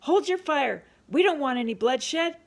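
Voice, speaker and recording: An earnest, determined doctor-explorer, read by an older woman in a storybook. He reasons calmly and pleads for peace. The voice has a gravelly edge at an ordinary middle pitch. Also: moderate pace. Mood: urgent.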